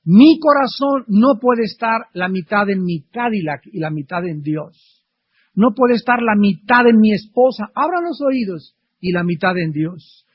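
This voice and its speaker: A middle-aged male preacher delivering a fervent sermon full of rhetorical questions, swinging between loud and soft. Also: high voice, expressive, measured pace, slight background noise. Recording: dull lo-fi archive recording.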